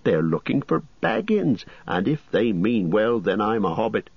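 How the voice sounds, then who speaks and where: Man acting a flustered innkeeper, raised swooping pitch, folksy chatter, storybook character, slightly muffled audio. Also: very animated, unhurried, vocal fry, breathy edge, dry recording, exaggerated voice. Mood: worried, gossipy. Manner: rustic, chatty, folksy turns of phrase. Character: fussy, flustered middle-aged male country innkeeper.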